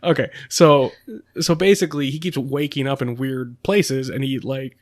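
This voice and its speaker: A man's voice: mid-range voice, steady tone, normal speed, no room sound, clean studio sound. A young man co-hosting a podcast, talking casually in a rambling way with many fillers and frequent laughs. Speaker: podcast co-host. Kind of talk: casual chat.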